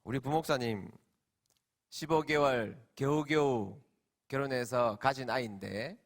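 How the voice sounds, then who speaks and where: A middle-aged man, a senior pastor, preaching a sermon as emotional storytelling that swings from loud, stretched emphasis to hushed quiet. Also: medium pitch.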